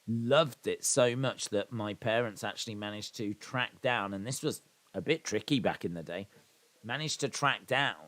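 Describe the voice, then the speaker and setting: A thirty-something man from England speaks at medium pitch while hosting a casual live watch-along stream. He chats, rambles and reads out comments from viewers, peppered with self-deprecating asides.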